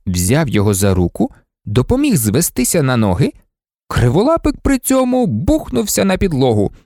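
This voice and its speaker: A man narrating an audiobook in an expressive, animated storytelling manner. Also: on the high side, gravelly, dry recording, studio quality.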